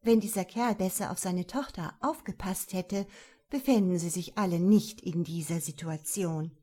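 A woman narrating a novel in an expressive, lively reading voice. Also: fairly low pitch, normal speed. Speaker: audiobook narrator.

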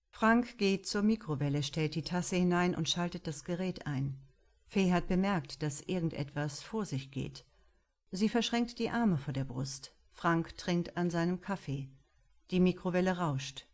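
A woman reading a first-person story aloud with calm, measured delivery. Her voice is on the low side, and she takes her time over every phrase. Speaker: audiobook narrator.

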